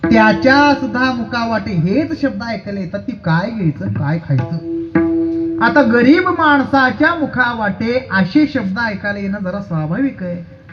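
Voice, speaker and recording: A man leads a devotional kirtan sermon in a high, ringing voice. He moves between storytelling, rhetorical questions and sung lines. Instruments play clearly behind him, and the recording sounds a little muffled. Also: normal speed, music in the background. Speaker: kirtan preacher.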